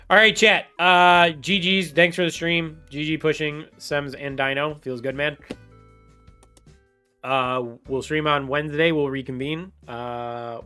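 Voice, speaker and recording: A man with a fairly high voice chats loosely with his stream audience, wandering from thought to thought and breaking into laughter. Soft music plays faintly behind him. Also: smooth. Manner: rambling, laughs often, talks straight to chat. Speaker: game streamer. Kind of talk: casual livestream chat.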